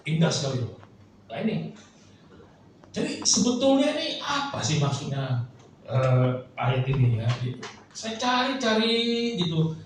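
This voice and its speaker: A man's voice: a little high, big pitch swings, a little slow, pauses often, slight background noise. A male pastor preaching a casual, chatty sermon, joking and acting out prayers for the congregation. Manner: chatty, jokes and acts out prayers. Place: church hall. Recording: echoey church hall, mic far off.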